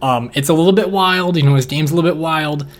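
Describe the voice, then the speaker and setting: A man's voice: a little high, fast. A man co-hosting a fight-picks talk show, in loose casual chat that rambles with fillers and slang. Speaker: podcast co-host making fight picks.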